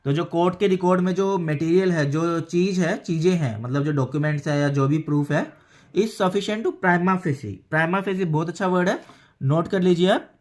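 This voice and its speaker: A man teaching English from a newspaper, reading English phrases slowly with an Indian accent and explaining each word in turn. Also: a little high, a little mellow.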